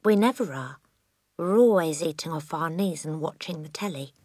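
A woman's voice: sits low, lively intonation, normal speed, slightly rough, dry recording, clean studio sound. A woman voicing an earnest, bookish little girl in a storybook, speaking in a restrained, disapproving manner. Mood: politely objecting. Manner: quiet, restrained, reproachful.

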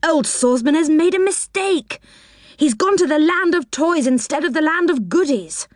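A woman reading aloud puts on a high, lively little storybook man, eager and fussy, his voice leaping about. He sounds dry and close. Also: normal speed, no room sound.

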